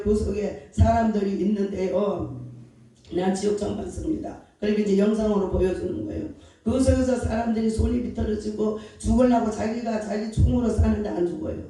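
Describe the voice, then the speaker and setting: A man's voice: sits high, dark tone. A man preaching a fervent revival sermon as pastor, pressing his listeners with repeated rhetorical questions. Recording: very echoey hall, distant mic.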